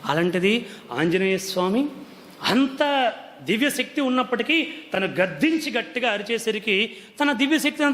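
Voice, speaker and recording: High-pitched male devotional storyteller, earnest and coaxing, recorded with a lingering hall echo. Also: fairly bright tone. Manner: explains earnestly, often coaxes listeners with "andi". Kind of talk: religious discourse. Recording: long hall reverb.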